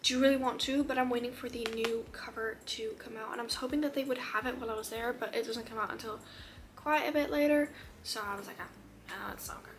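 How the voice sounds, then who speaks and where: Bubbly, high-voiced woman gushing. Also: quick pace, a little hiss or hum. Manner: gushing, excitable, drops to whispers. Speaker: book vlogger. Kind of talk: casual chat. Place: her room. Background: faint rain.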